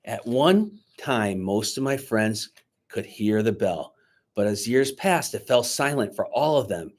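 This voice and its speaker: A man reading a picture book aloud dramatically to children, pausing to coax them with questions like a teacher. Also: fairly low pitch, expressive. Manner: dramatic, teacherly, coaxing young listeners with questions.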